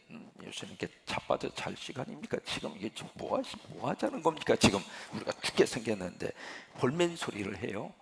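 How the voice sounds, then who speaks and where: A male pastor preaches with a deeply gravelly, fry-laden voice. His pitch rises and falls in a lively way as he poses rhetorical questions and answers them. The delivery is animated and earnest. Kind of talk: sermon.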